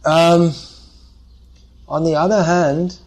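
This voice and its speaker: A man's voice: on the high side, little pitch movement, slow pace, a little mellow. A man leading a scripture class, answering audience questions and explaining by thinking aloud.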